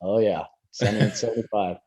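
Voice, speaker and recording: A man's voice: lowish voice, brisk, mellow, breathy edge, no echo, studio quality. A man in his twenties giving casual, plain-spoken interview answers in a laid-back way. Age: 20s. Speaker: baseball pitcher, podcast guest.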